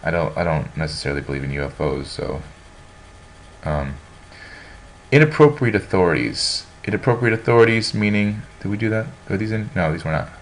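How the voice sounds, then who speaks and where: Low-voiced casual male lecturer. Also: expressive, brisk, a little hiss or hum. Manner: casual, rambling, frequent fillers and restarts. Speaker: teacher. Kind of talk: informal classroom lecture.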